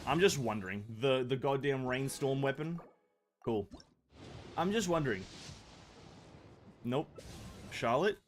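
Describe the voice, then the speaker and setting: A young man casually commenting on his own game pulls, mostly dry and muttering, at times breaking into loud excitement. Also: medium pitch, measured pace, long pauses, a little hiss or hum. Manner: deadpan and muttering, bursting into shouting excitement. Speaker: game streamer. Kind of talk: casual live-stream commentary.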